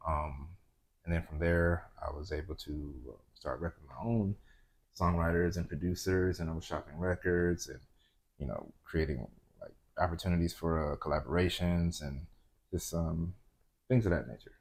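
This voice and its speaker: Laid-back deep-voiced man, husky. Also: moderate pace. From Atlanta. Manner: laid-back, full of fillers like um and you know. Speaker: guest. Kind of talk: casual interview chat.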